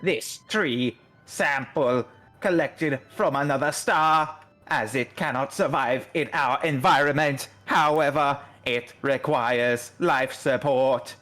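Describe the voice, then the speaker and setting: A man voicing a stiff, formal android researcher in a video game, with a Dalek-like robot voice and slow, flat, measured speech. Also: medium pitch, faint music behind. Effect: Dalek-like robot voice done by mouth. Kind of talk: voicing a game character while streaming.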